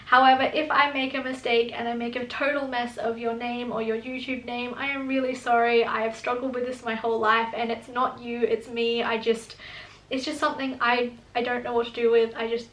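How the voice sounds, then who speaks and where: A young woman in her early twenties talks through viewer questions in a chatty vlog, laughing often and restarting her sentences. Her voice is high and bright, held in a narrow pitch range. The room around her is echoey. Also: little pitch movement, brisk. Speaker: student vlogger. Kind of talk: casual Q and A vlog.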